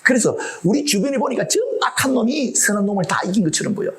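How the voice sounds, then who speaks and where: A man's voice: extremely high pitch, animated, quick pace. A middle-aged man preaching a sermon as pastor, humorous and full of rhetorical questions.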